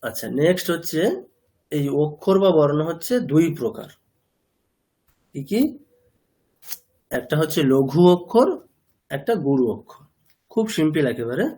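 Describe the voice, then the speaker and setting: A man with a slightly high, dark, expressive voice teaches a language class at an unhurried pace, leaving long pauses. He explains things patiently, quizzes his students, and slips English words into his lecture.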